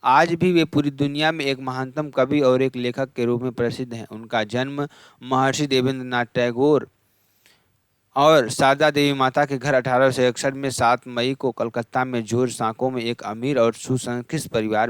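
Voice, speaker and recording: A Hindi exam-prep teacher speaks with a medium pitch and a flat delivery, his tone clear and resonant with no echo. During a revision lesson he races through lists, asks the class questions, then answers them himself and repeats those answers.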